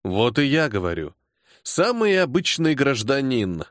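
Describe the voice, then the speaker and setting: A disciplined, hot-tempered major in his forties who speaks in clipped, caustic lines with restrained fury, as a man acts him out. His tone is lively and terse. The recording is dry and close. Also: mid-range voice, normal speed, dry recording, lightly acted. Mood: restrained anger. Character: angry disciplined male major, forty-two, hot-tempered.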